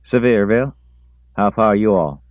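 A laconic young country boy drawls, as a deep-voiced man puts him on. The recording is dry and tinny, like a phone line. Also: moderate pace, no room sound, close to an everyday voice. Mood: easygoing. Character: easygoing country boy truck driver.

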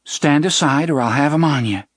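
A man's voice: a little high, moderate pace, no echo, studio quality, voice pushed up, lightly acted. A man voicing a tearful yet defiant young woman who speaks in old-fashioned phrasing.

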